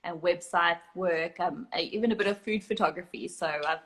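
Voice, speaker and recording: A woman with a South African accent speaks at a moderate pace in a fairly low, fairly bright voice. She's a guest photographer on a live video call, sharing her tips in a casual chat, often saying "um" and starting sentences over.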